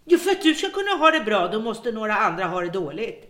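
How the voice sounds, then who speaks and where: A woman's voice: mid-range voice, very animated, background noise, close to an everyday voice. An actress playing a worn-out middle-aged woman who has become a bitter, vengeful captor, speaking in a brooding, resentful monologue. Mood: accusing. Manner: bitter, brooding monologue turning to hushed menace. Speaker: embittered former home care worker holding a captive. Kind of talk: radio drama acting.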